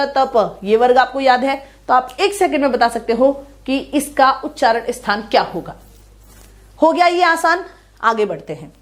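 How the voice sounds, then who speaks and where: A young woman teaching an online class in a high, clear voice. She says each sound slowly, one at a time, and keeps asking her students whether it makes sense. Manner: explains patiently, checks understanding with repeated questions. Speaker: online tutor. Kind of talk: classroom grammar lesson.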